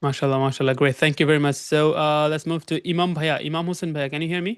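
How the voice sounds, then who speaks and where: A man's voice: fairly high pitch, steady tone, slow, fairly bright tone, smooth, no echo, clean studio sound. A man with a Bangladeshi accent teaching an online English class, mixing Bengali and English and talking straight to his students over a video call. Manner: mixes Bengali and English, addresses students directly.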